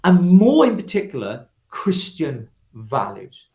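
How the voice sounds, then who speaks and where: This Welsh political activist, once a parliamentary candidate, has a rather high, darkish voice with huge pitch swings and a slow delivery, heard in an echoey room. Speaking unscripted as an interview guest, he grows emphatic and rhetorical, using repetition and questions for effect.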